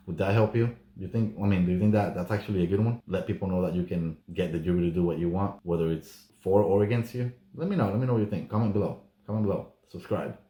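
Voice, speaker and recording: A man's voice: deep voice, quick pace, few pauses, warm tone. A man giving a casual, chatty recap commentary as a host, often exclaiming and acting out what others said. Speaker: reality show recap host. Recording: echoey room.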